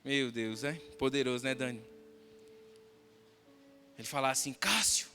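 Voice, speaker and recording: A man's voice: mid-range voice, fairly even intonation, measured pace, fairly bright tone. A Brazilian man with a Brazilian Portuguese accent, a pastor preaching a fervent storytelling sermon to a congregation, often calling his listeners brother and dear. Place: church hall with a congregation. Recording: reverberant church hall, music behind.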